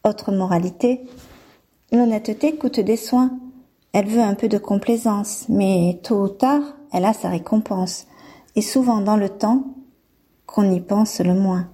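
A woman reading a fairy tale aloud and presenting a reading slot, steady and clear in her delivery. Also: medium pitch, a little slow. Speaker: storyteller and presenter.

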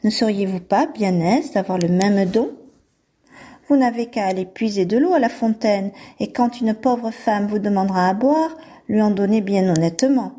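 A woman's voice: medium pitch, normal speed, warm tone, close to an everyday voice. A woman voicing a greedy, scolding village mother in a read-aloud fairy tale, bossy and exclaiming.

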